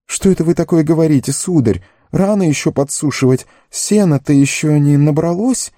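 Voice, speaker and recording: A man's voice: on the high side, animated, normal speed, warm tone, dry recording, clean studio sound, pitched above the performer's own voice, close to an everyday voice. A man voicing a timid, simple young gardener in an audiobook, pleading in a fluttery, rustic way. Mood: flustered. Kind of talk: audiobook character reading.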